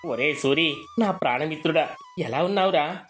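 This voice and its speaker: Man doing a wheedling swindler friend, all flattery and pleading, cartoon story. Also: a little high, normal speed, faint music behind, lightly acted. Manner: flattering, pleading, sweet-talking. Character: sweet-talking swindler friend, village man.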